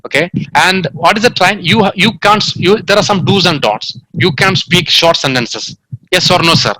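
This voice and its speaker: A man's voice: high-pitched, moderate pace, sharp tone, slight background noise, low-quality recording. A man tutoring an online English exam class, explaining by example with many fillers and restarts, heard over a video call. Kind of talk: online demo class lesson.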